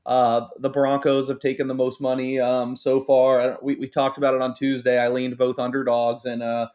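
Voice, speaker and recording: A man's voice: mid-range voice, completely flat delivery, normal speed, darkish tone. A man in a middle register talks through betting lines on a sports show. He hedges his way along, filling gaps with ums and repeating words as he thinks. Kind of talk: casual sports talk.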